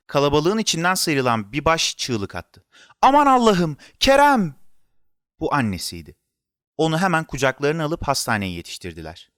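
Animated male storyteller. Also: medium pitch, no room sound, studio quality. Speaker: narrator. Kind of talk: scripted children's story narration.

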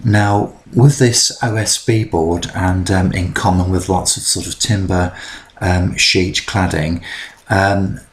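Deep-voiced man explaining DIY. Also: steady tone, slow pace. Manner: chatty and explanatory, with frequent ums. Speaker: DIY vlogger. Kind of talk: instructional voice-over narration.

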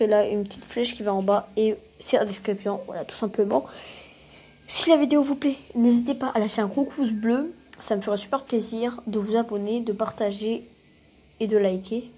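A woman casually talking through a mobile game she is playing, often breaking into excited exclamations. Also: a little high, slight background noise. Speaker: mobile game channel host. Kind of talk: casual gameplay commentary.

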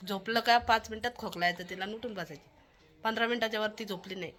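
A woman's voice: medium pitch, fast, a bit bright. Aggrieved young woman. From Maharashtra. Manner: aggrieved, complaining, quotes others at length. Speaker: family vlogger. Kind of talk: venting to camera.

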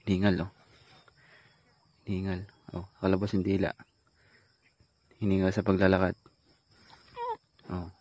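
A man's voice: sits low, monotone, unhurried, long pauses, mellow. A man vlogging from his farm outdoors, chatting casually to viewers and calling out to his carabao. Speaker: farmer vlogger. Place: outdoors on a farm among trees. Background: insects and animals.

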